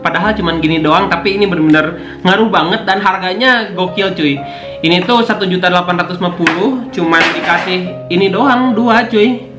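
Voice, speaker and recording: Speaking at a moderate pace in a high voice, a young man unboxes his motorbike vlogging gear in a casual chat to camera. The motovlogger YouTuber uses lots of slang and fillers and keeps saying "cuy," recorded in an echoey room with guitar music.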